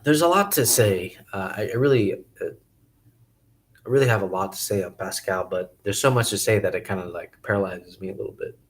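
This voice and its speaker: A man musing casually to camera about philosophy, hesitant and thinking aloud with many pauses and restarts. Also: lowish voice. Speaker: video essayist.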